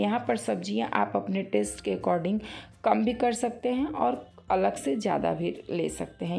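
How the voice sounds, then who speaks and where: A middle-aged woman hosts a cooking channel with a strongly gravelly, creaky voice at an ordinary pitch. She explains each step of a recipe in a homely way and speaks straight to her viewers. Faint music plays behind her. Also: a little mellow. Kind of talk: recipe tutorial voice-over.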